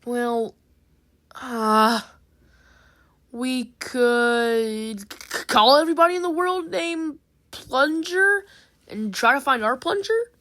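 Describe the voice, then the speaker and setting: A woman's voice: medium pitch, lively intonation, measured pace, fairly bright tone. A woman voicing an optimistic male map of a state with an eager tone. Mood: upbeat. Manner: upbeat, eager.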